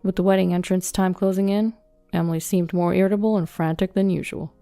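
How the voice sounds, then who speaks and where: A woman narrating a first-person story in an even, measured way. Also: lowish voice, gravelly, dry recording, faint music behind.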